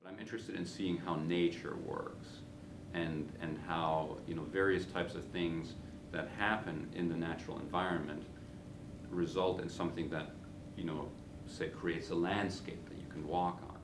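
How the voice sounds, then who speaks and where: A man's voice: low-pitched, fairly even intonation, normal speed. A man researcher speaking thoughtfully in an interview, searching for his words. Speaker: sea ice researcher. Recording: roomy, distant mic with noise.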